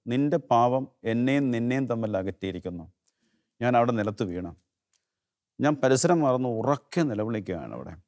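A middle-aged man from Kerala telling his personal testimony in an interview, earnest and halting, his voice sinking low and soft when he is moved. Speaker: interview guest giving testimony.

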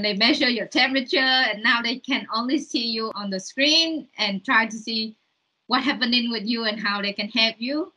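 A young Vietnamese woman with a Vietnamese accent chats casually in an interview over a video call from a room at home. Her mid-range voice sounds pushed and bright, and she uses fillers and non-native grammar. The audio quality is poor.

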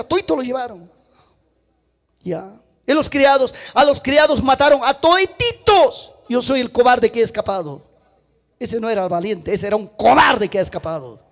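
A man preaching a sermon, telling a story dramatically and swinging between loud and hushed. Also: very high-pitched. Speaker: pastor.

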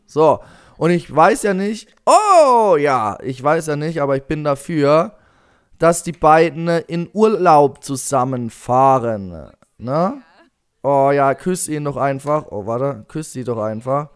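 A man's voice: on the high side, lively intonation, slow pace, clean tone. A young man commenting on his life-simulation game, chatting away to his characters and coaxing them along. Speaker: gaming YouTuber. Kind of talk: Let's Play commentary.

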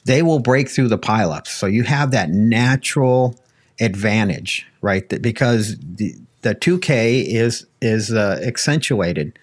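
A man's voice: lowish voice, lively intonation, unhurried, breathy edge. Older American man, folksy and conversational. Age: older, around 60s. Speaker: ham radio panelist. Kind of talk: casual technical advice. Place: home radio room, indoors, video call. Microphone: close desk microphone with headphones.

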